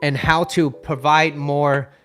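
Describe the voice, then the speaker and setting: A man's voice: fairly high pitch, flat delivery, takes it slowly, a bit bright, soft background music. A man giving dating advice in a loose, conversational monologue, often repeating himself and checking in with "okay.". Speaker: dating coach.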